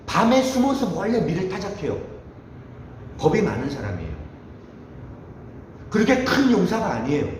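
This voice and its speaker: A man preaching a sermon to a youth group, animated and self-mocking, acting out the people in the story. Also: sits high, moderate pace, long pauses, slight background noise. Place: church hall. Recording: echoey hall with faint ambience.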